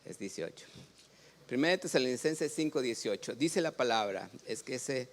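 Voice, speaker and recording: A Mexican man, a pastor, preaching a sermon. He asks the congregation questions, has them read along, and often builds up to loud exclamations. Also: mid-range voice, animated, normal speed.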